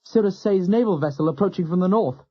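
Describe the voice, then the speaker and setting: Guy doing an excited young navy signalman, raspy, muffled audio. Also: fairly high pitch, takes it slowly, exaggerated voice. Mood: eager. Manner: excited reporting. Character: young male navy signalman, eager and crisp. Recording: dull lo-fi audio.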